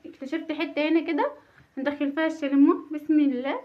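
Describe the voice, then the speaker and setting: An Egyptian woman in her thirties talks fast and high in a casual home vlog, teasing herself and laughing nervously. The sound is dull and lo-fi, like a simple home recording. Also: a little hiss or hum. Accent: Egyptian Arabic. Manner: chatty, self-mocking, nervous laughter. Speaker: vlogger, mother.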